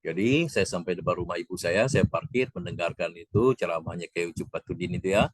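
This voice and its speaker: A man's voice: fast, slightly rough, no room sound, poor audio. A man, telling a personal story at a religious gathering and acting out the people in it with a raised voice. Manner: acts out quoted speakers in a higher voice.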